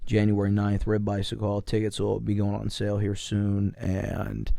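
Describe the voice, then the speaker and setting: A man's voice: lowish voice, monotone, normal speed, gravelly, dark tone, no room sound, clean studio sound. An American man co-hosting a comedy podcast, laid-back and agreeable, saying yeah and dude a lot. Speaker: podcast co-host. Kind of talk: casual podcast banter.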